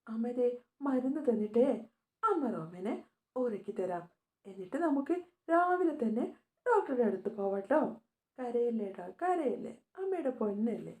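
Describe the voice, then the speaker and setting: Woman voicing a fretful young mother doll, high soft voice, mellow tone, slow and soothing, homemade doll story. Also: sing-song. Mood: worried, soothing. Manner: soft and soothing, fussing over the child. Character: anxious young mother doll tending a sick child. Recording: echoey room.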